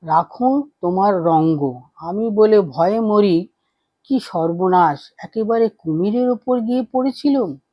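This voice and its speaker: A man's voice: high voice, lively intonation, takes it slowly, no room sound, muffled recording, full character voice. A man reading the lines of a frightened holy woman in a devotional story. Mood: scared.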